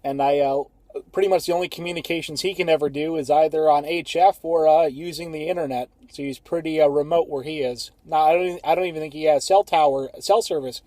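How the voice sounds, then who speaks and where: A young American man talks casually as an amateur radio operator from inside a car, filmed close up on a phone camera pointed at him. His voice sits a little high, with fairly even intonation, a fairly quick pace and a warm tone, and there's no room sound.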